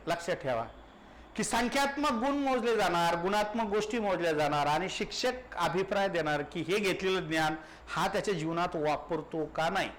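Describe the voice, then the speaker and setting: A man's voice: high voice, fairly bright tone, slight background noise. A male teacher giving an exam-prep lecture, explaining step by step and answering his own questions.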